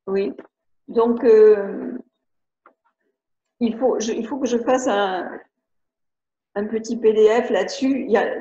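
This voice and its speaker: A woman's voice: fairly high pitch, mellow, a little hiss or hum. A woman with a French accent leading a live webinar as an educator, speaking in a chatty, hesitant way with many restarts while she answers viewers' questions. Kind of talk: live video-conference talk, reading viewer questions. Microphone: computer mic on video call. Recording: muffled roomy video-call audio.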